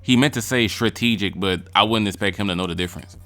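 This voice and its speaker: A man's voice: fairly low pitch, fast talker, pushed and bright, faint music behind. A man giving casual ranking commentary on rap verses, blunt, profane and mocking. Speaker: music reaction vlogger.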